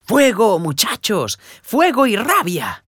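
A desperate young fisherwoman cries out in a high, strained voice, played by a man. Her pitch leaps widely as she calls for help. The sound is dry and close. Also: very animated, unhurried, no echo. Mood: anguished. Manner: raised falsetto, anguished cries.

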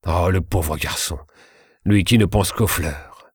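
A man's voice: deep voice, takes it slowly, husky, no room sound, clean studio sound, full character voice. A man voicing an anxious male statesman who urges his injured brother to flee, in a worried, pleading way.

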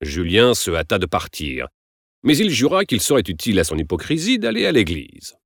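A man reading a classic novel aloud, narrating with expressive, lively storytelling. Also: fairly low pitch, moderate pace, no echo, clean studio sound.

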